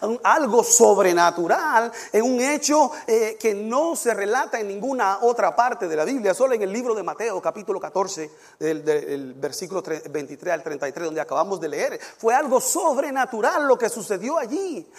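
A male pastor preaching a sermon, reading scripture aloud and praying, climbing to high emphatic peaks and sinking low and soft in prayer. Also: expressive, moderate pace, few pauses.

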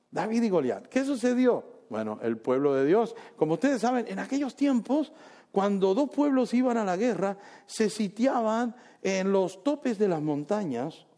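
A man preaching a sermon, telling a story in an animated way with jokes. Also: high-pitched.

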